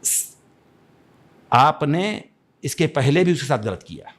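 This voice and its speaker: A man's voice: fairly high pitch, big pitch swings, takes it slowly. A man from Chhattisgarh giving a podcast interview, speaking in an impassioned, declamatory way, repeating phrases and restarting often. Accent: Chhattisgarh Hindi. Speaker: interview guest.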